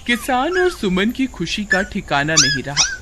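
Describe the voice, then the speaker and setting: A woman's voice: mid-range voice, wildly swooping pitch, unhurried. A woman narrating a children's cartoon story in a plain storytelling tone. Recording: loud background noise.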